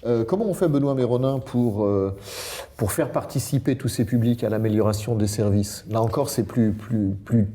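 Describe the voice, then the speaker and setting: A man's voice: mid-range voice, moderate pace, dark tone. A man moderating a panel debate, asking long framing questions with some hesitation. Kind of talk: panel discussion.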